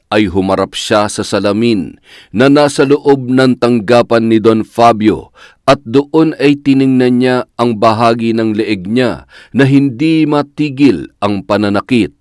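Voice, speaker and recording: A man narrating a scripted horror story in a measured, dramatic storytelling way. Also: mid-range voice, a little mellow, no room sound, studio quality.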